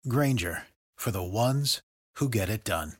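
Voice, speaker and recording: A man reading a scripted radio-style advertisement in an earnest, steady manner. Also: lowish voice, a little slow, husky, no room sound. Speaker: ad announcer. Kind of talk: scripted ad read.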